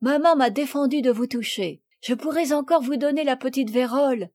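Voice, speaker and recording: A woman reading aloud and voicing an eager young girl who has been ill, with bright, pleading calls. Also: sits high, moderate pace. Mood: earnest.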